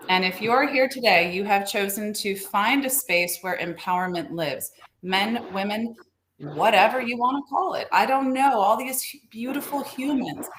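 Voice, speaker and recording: A woman life coach gives an emphatic, encouraging motivational talk at a mid pitch. A faint hiss runs beneath her voice.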